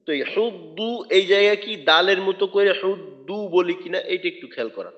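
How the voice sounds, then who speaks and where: A man teaching Quran recitation online, patiently correcting students and modelling slow chanted verses. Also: high-pitched. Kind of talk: online tajweed lesson. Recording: dull lo-fi audio with long reverb.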